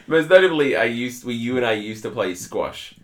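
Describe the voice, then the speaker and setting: A man co-hosting a podcast, talking in a casual, animated way and laughing often. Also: medium pitch. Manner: animated, laughs often, puts on quick voices. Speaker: podcast co-host. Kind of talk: casual chat.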